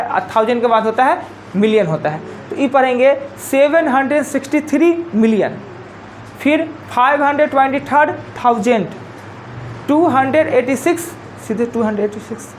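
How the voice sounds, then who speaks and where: In a live classroom lecture, a woman with a Bihari Hindi accent speaks in a high, slightly mellow voice at a moderate pace against slight background noise. Her explanation proceeds step by step as she counts digits aloud and restates the key points.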